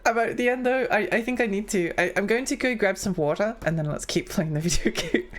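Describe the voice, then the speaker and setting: Chatting casually with viewers, a young female streamer reads through her chat in a rambling, giggly manner. Her medium-pitched voice moves a little fast and is slightly worn, since she's losing her voice.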